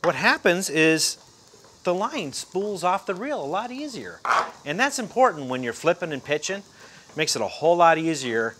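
A middle-aged fishing instructor with a sing-song voice on the high side speaks at a moderate pace over heavy background noise. Seated indoors, he gives a casual, folksy how-to, talking loosely with fillers and restarts.

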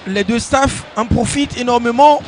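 A man giving excited live football play-by-play commentary, exclamatory and repeating phrases for emphasis. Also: extremely high pitch, moderate pace, faint music behind.

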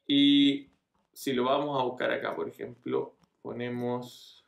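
A man's voice: mid-range voice, big pitch swings, takes it slowly, creaky, lo-fi sound. A middle-aged man giving a casual step-by-step computer tutorial, often checking in with the viewer, recorded on a desk webcam in a small room. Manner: casual step-by-step explaining with frequent checks like "¿cierto?". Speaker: online marketing tutor. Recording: echoey room.

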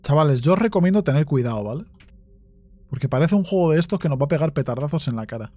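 Man, Spain Spanish accent, horror let's play, higher-pitched, warm dark tone, jittery and profane. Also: lively intonation, quick pace. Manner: jumpy, swears, talks to himself. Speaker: gaming YouTuber.

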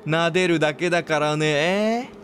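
A man voicing a taunting male killer with an axe, calling out slow, drawn-out mocking threats to someone hiding. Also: a little high, a bit bright, slight background noise, natural voice.

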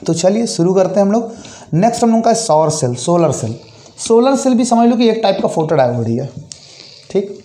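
A young man teaching a physics lecture, talking quickly and explaining with everyday examples while checking in with students often. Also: high-pitched, big pitch swings, warm tone, roomy sound. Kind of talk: classroom lecture.

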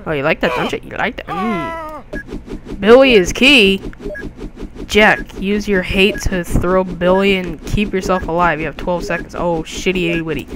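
Excitable young man doing game commentary. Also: high-pitched, measured pace. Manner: excitable, jokey, crude outbursts. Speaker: gaming video host. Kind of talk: gameplay commentary.

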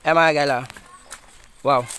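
A man's voice: a little high, steady tone, moderate pace, slight background noise. A man vlogging on a rural hike, cheerful and chatty, cheering and thanking people along the trail. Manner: upbeat, shouts greetings, laughs often. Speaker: travel vlogger. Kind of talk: excited casual vlog chatter. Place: outdoors on a rural forest trail.

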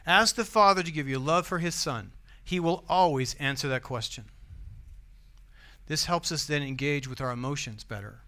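Bright-voiced American pastor preaching. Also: male voice, on the high side. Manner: conversational preaching, asks the congregation questions. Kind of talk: sermon. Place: church.

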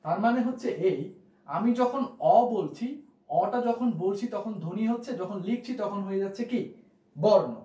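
A man's voice: high voice, lively intonation, moderate pace, warm tone, roomy sound, poor audio. A man teaching a grammar lesson, who explains step by step, repeats key points and asks his listeners questions. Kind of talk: classroom lesson explaining at a board.

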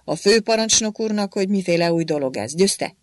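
A narrator voicing a blunt, gruff old male war hero who booms and grumbles in an audiobook. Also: lively intonation, no room sound, close to an everyday voice. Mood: booming.

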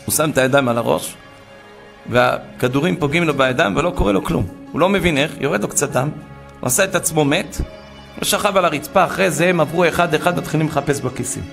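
Brief: male preacher-storyteller, high gravelly voice, animated retelling. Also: faint music behind. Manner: animated retelling, acting out every character. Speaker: religious storyteller.

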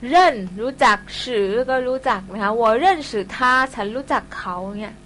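A woman with a bright, clear voice leads a classroom language lesson. She explains slowly and patiently, going one step at a time and softening each point with polite particles. A faint hum sits under the recording. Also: a little high. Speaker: Chinese language teacher.

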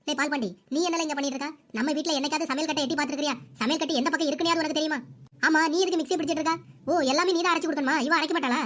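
A woman voicing a bossy, sarcastic older mother-in-law in a cartoon, nagging rapidly. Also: high-pitched, steady tone, fairly bright tone. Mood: scolding. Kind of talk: cartoon voice acting.

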